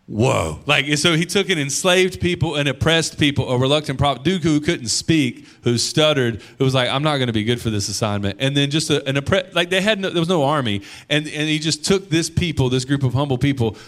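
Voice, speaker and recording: A man preaching a sermon in a conversational, animated way, repeating phrases for emphasis. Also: mid-range voice. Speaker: pastor.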